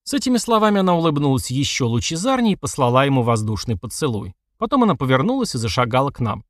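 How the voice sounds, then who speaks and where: Brief: male audiobook narrator, lively storyteller, dry close recording. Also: medium pitch, fast talker, no room sound.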